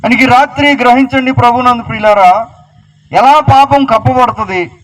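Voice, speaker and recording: Pastor guy preaching, really high pitched, keeps repeating his questions and reading out bible verses. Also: moderate pace, fairly bright tone, poor audio. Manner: quotes scripture references aloud.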